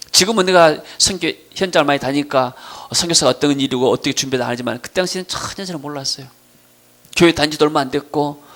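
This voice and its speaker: A middle-aged pastor from the Gwangju region of South Korea, with a Jeolla accent and a fairly high voice, preaches a sermon with personal testimony. He swings between emphatic declarations and quieter storytelling.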